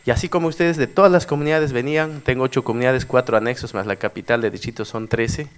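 A middle-aged former mayor from Peru's Cusco region tells stories in an anecdotal workshop talk, animated and often ending his sentences with a tag question. He speaks fast at medium pitch, and his tone is clear and resonant.

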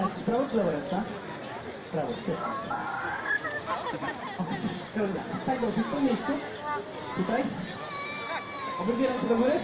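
Young male street juggler, joking crowd-work, distant phone recording in a noisy echoey square. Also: high-pitched. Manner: joking, directs volunteers and crowd with quick instructions. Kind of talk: live street show patter to a crowd. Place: large outdoor town square with a big crowd. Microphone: no mic, caught by a phone camera in the audience.

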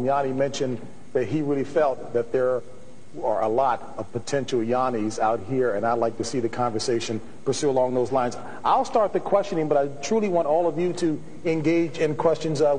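Middle-aged host guy, kinda husky, formal questions, echoey hall. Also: mid-range voice, normal speed, darkish tone. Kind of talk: moderating a studio talk. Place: television studio stage.

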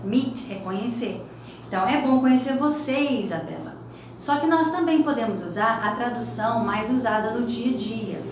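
A woman's voice: fairly high pitch, moderate pace. A woman from Brazil with a Brazilian accent, teaching an English lesson. She explains patiently, repeating phrases and translating them. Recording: very echoey room with faint noise.

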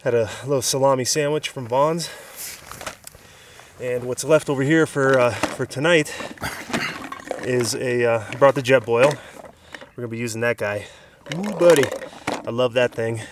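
In an unhurried, mid-range voice broken by long pauses, a man in his thirties from Southern California vlogs from a mountain summit with background noise around him. Exhausted after the climb, he's still chatty and laughs often, holding the camera at arm's length.

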